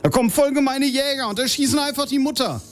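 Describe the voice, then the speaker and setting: A man voicing a foul-mouthed seven-year-old boy, shrill and indignant. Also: quick pace, soft background music. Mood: outraged.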